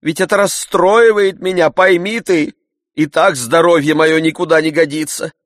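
Brief: man voicing a fretful idle gentleman, whiny and exasperated, dry close sound. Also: mid-range voice, measured pace, no room sound, in a large hall, pitched above the performer's own voice. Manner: exasperated, whining outbursts. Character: idle, fretful gentleman landowner, self-pitying. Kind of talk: audiobook reading.

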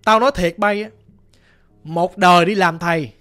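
Storyteller doing a gruff Southern Vietnamese exorcist. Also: medium pitch, steady tone, moderate pace, fairly bright tone, lightly acted. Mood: assured. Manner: blunt, commanding, self-assured. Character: gruff middle-aged male village exorcist. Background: faint music.

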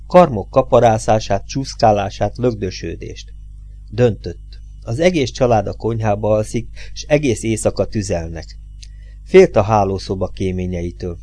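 A man's voice: fairly low pitch, expressive, dark tone, soft background music. A man reading a suspenseful story aloud as an audiobook, with tense, dramatic emphasis. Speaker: audiobook reader.

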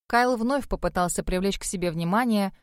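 A woman reader giving scripted first-person audiobook narration in an even storytelling manner. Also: mid-range voice, brisk, dry recording, studio quality.

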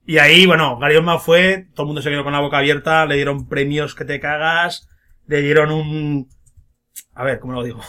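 A man hosts a loose, comedic film podcast. His voice is bright and forward and sits a little high. He tells stories with a jokey edge and slips into silly voices for the quotes. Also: steady tone, fairly quick. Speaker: podcast host.

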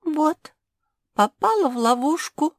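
A woman's voice: sits high, takes it slowly, no echo, studio quality, voice pushed up. Woman doing a trembling little spitz girl. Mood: tearful. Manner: tearful, trembling, apologetic. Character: timid young female spitz dog. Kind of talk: children's audiobook reading.

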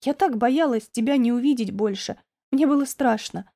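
A woman voicing a warm, teasing young woman friend who talks in a lively, affectionate way. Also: a little high, moderate pace, creaky.

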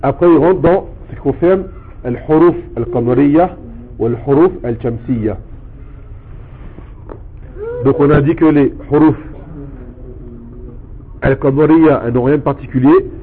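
A man teaching a language lesson, explaining patiently step by step and repeating words slowly for his student. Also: mid-range voice, husky. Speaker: Arabic teacher. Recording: tinny phone-like sound with faint noise.

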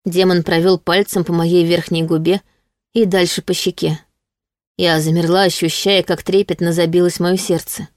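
A woman narrating a story in the first person, calm and even. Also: lowish voice, moderate pace, dry recording, studio quality. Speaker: audiobook narrator.

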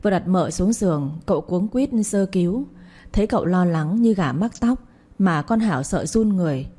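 A woman narrating a romance story in a steady storytelling manner. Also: lowish voice, moderate pace.

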